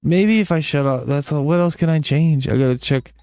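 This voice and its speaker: A man's voice: on the high side, a little fast, warm tone, clear, resonant tone, dry recording. Rambling, foul-mouthed male gamer. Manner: rambling, swears a lot, self-deprecating. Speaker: let's play gamer. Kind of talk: casual rambling commentary.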